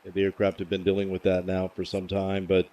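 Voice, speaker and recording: Low, mellow man giving casual commentary. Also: monotone, brisk. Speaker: plane spotting livestream host. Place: outdoors near airport runways.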